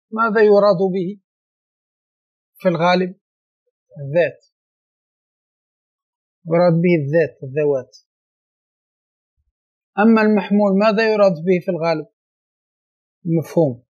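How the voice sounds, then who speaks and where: A man's voice: high-pitched, moderate pace, long pauses, lo-fi sound. A man teaching a logic class to a small group of students, explaining a text patiently and often checking that they understood. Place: small room with a few students.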